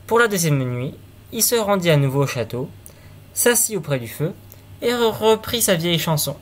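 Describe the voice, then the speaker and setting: A man's voice: fairly high pitch, lively intonation, normal speed. A man reading a fairy tale aloud, now and then stumbling and restarting words. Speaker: storyteller.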